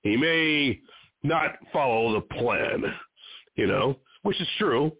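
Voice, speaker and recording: A man's voice: medium pitch, lively intonation, takes it slowly, breathy edge, no echo. A man hosting his own independent show, asking long, rambling questions in a loose, conversational way. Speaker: host and producer of an independent show. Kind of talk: interview hosting. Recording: dry, tinny phone-line sound.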